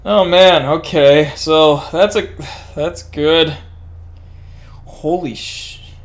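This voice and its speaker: A man giving horror game commentary who swears and talks to the monsters. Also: on the high side. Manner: jumpy, swears and yelps at scares. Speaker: gaming YouTuber.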